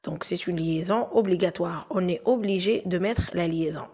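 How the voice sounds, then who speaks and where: A woman teacher explaining exam exercises in a recorded lesson, hesitant and full of filler pauses, repeating each example slowly and patiently. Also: lowish voice, darkish tone, husky.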